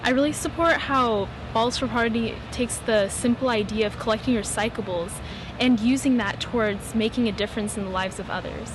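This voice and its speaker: A woman's voice: a little high, fairly quick. A woman giving an earnest testimonial endorsing an organization, recorded outdoors with traffic behind her. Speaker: supporter in a testimonial clip.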